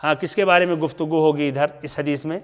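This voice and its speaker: High-voiced man teaching a hadith lesson. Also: fairly even intonation, clean tone. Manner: explains step by step, asks the class questions and answers them. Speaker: Islamic teacher. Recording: long hall reverb.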